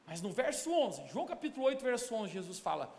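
A man's voice: high voice, sing-song, quick pace, darkish tone. A male pastor preaching an emphatic sermon with stories and call-and-response, recorded in a large church hall. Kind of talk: sermon with storytelling. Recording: long hall reverb, faint background noise.

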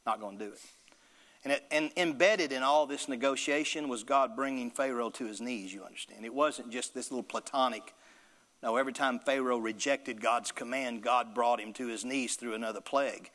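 A man's voice: mid-range voice, normal speed, fairly bright tone, in a large hall. A male pastor delivering an emphatic sermon with call-and-response to the congregation.

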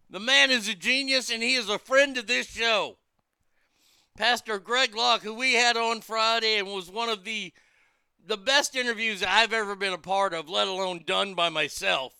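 A casual talk radio host reads listener messages aloud, his voice high and very bright, his manner loose, irreverent and crude. The recording is clean and dry, without echo.

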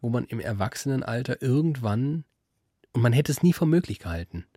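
A man's voice: mid-range voice, brisk, dry recording, studio quality. A man co-hosting a podcast, ranting in casual chat. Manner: ranting, animated. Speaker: podcast co-host. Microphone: studio mic.

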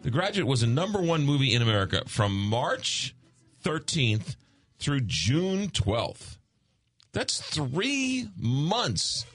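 A man hosting a radio talk show, chatting casually and haltingly, often repeating words as he goes. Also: fairly high pitch, huge pitch swings, fairly bright tone, slightly rough. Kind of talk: casual conversational radio chat.

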